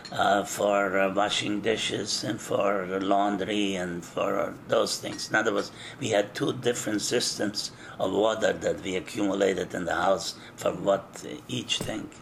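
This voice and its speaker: An older man from eastern Czechoslovakia giving an oral history interview, recalling things in a slow, measured way with frequent hesitations. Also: low voice, fairly even intonation, creaky, slight background noise.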